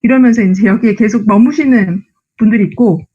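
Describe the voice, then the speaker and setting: A young adult woman giving a motivational lecture, animated and often asking the audience rhetorical questions. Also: medium pitch, a little fast, slightly rough, dull audio. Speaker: speech instructor giving a lecture.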